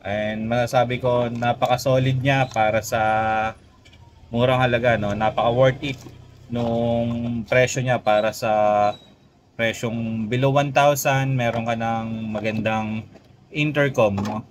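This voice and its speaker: A Filipino motovlogger gives a casual product review, talking straight to his viewers and often tagging phrases with "no?". His mid-range voice is steady in tone and a little slow, with slight background noise.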